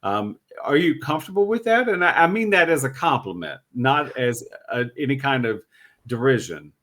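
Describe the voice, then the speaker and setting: Mature man, interviewer, swinging lively pitch, mid register, reflective and halting phrasing. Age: middle-aged or older. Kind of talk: casual interview talk.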